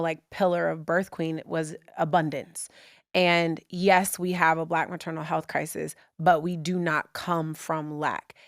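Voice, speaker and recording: Gushing, excitable woman podcast host. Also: fairly low pitch, smooth, no echo, clean studio sound. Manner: gushing, excitable, many fillers. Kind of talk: casual interview chat.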